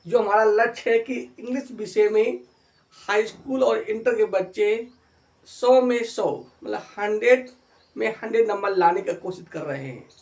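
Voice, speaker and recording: In a high-pitched, slightly mellow voice, a middle-aged man leads an English grammar lesson, offering encouragement and pronouncing example phrases slowly and deliberately.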